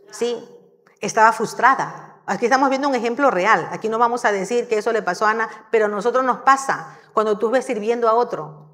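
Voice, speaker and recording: Woman preaching in a reverberant church hall. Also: mid-range voice. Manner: storytelling, lively and conversational. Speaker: church speaker. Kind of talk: sermon.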